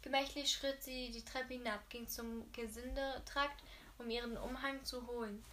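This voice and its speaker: A woman's voice: a little high, flat delivery, moderate pace, sharp tone, slight background noise. A woman reading a novel aloud, often stumbling and correcting herself mid-sentence. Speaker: reader.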